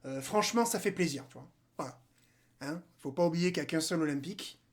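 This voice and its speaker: Animated young-sounding man venting about football. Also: on the high side, brisk. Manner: animated, slangy, addresses players and viewers directly, mocking rivals. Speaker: football fan commentator. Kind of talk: casual football debrief.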